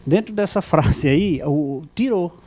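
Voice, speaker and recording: A man from the hosting a TV talk show, asking questions haltingly with repeated words. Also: fairly high pitch, lively intonation, mellow. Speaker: TV host. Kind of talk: interview questions.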